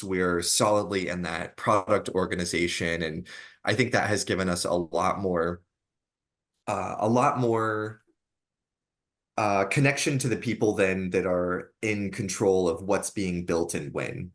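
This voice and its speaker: Low-voiced man, unhurried interview answers, some uhs. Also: fairly even intonation. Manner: thoughtful, uh fillers. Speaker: accessibility engineer, guest.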